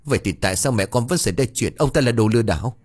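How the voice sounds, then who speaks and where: A man voicing a remorseful young man who speaks low, flat and bitter. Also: very fast, husky.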